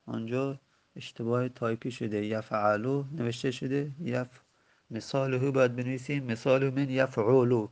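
Gravelly male teacher. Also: mid-range voice, steady tone, a little mellow. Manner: patient, repeats and spells out word forms slowly. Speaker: Arabic grammar teacher. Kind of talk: recorded lesson explaining a textbook.

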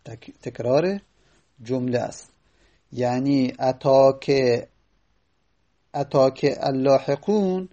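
A man's voice: mid-range voice, pauses often, warm tone, highs cut off. A man giving a patient grammar lesson, repeating phrases and quoting Arabic verse as he explains them. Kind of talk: classroom lecture explaining grammar.

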